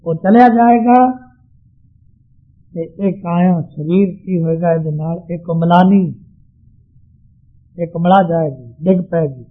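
A man preaching a sermon, explaining scripture verses to a congregation in a slow, measured teaching manner. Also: a little high. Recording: tinny, phone-like sound.

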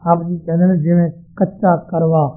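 A man preaching a sermon, explaining scripture verses to a congregation in a slow, measured teaching manner. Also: fairly high pitch, little pitch movement. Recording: tinny, phone-like sound.

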